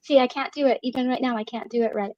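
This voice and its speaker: Woman, middle-aged, fairly high voice, slight slur, whistly S's, careful articulation, casual chat, dull dry recording. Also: steady tone, quick pace, mellow, no room sound. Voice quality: slightly slurred speech with whistling S sounds, as with missing teeth. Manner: careful articulation while relearning to talk. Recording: dull, lo-fi online audio.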